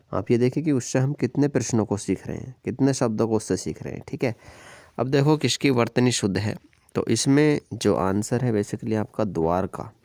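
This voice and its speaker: A man's voice: fairly low pitch, warm tone, no room sound. A man teaching an exam-prep Hindi spelling lesson, explaining each answer step by step and often checking in with "okay" and "remember this". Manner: explains step by step, repeats "ठीक है" and "याद रखिएगा".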